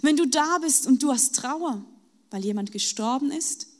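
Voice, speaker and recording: A woman with a high voice preaches a sermon. She speaks directly to her listeners and voices invitations as though Jesus were calling them home. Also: animated, normal speed.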